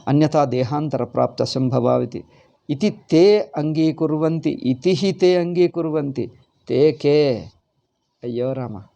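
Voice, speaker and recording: A man's voice: a little high, gravelly, mellow. A man with a South Indian accent teaching scripture in a lecture style, explaining emphatically with repetition and rhetorical questions. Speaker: Vedanta teacher. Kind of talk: spoken scriptural lecture with Sanskrit quotation and commentary.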